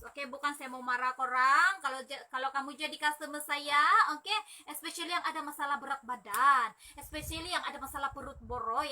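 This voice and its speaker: A young woman hosting a chatty live stream as a corset sales agent, telling stories and acting out other people's lines. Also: high-pitched. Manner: lively, acts out other people's lines in quotes.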